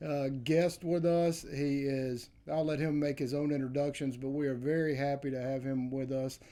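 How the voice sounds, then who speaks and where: A man's voice: medium pitch, flat delivery, normal speed, mellow. A man hosting an interview show, effusive and welcoming toward his guest. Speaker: podcast host. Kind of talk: interview introduction.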